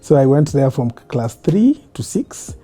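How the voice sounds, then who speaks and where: A man's voice: medium pitch, unhurried, breathy edge. A Kenyan man in his thirties, a podcast guest telling his life story in an easy, reflective way with frequent laughs. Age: 30s. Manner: relaxed, reflective, laughs often. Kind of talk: casual interview.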